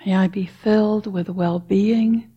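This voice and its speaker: Meditation teacher, female; slow, soft delivery with long pauses, breathy and mellow tone. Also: mid-range voice, fairly even intonation, lo-fi sound. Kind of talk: guided meditation.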